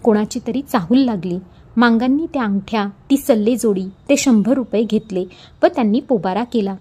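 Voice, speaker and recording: A woman reading a classic story aloud as an audiobook, earnest and expressive. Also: on the high side, normal speed, husky.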